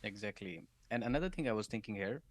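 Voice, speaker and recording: Brief: low male guest voice, advice-giving, conversational, dry close sound. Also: animated, quick pace, no echo. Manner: advice-giving, often tags "right?". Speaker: solutions architect, guest. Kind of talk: casual interview chat.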